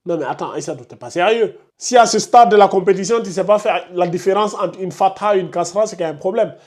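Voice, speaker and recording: A man teaches a recitation class in a high voice for a man. He keeps pressing his point and goes over each step again and again. He scolds the students who lose track. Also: fast, a little mellow. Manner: insistent, repeats explanations step by step, scolds students. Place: classroom with a board.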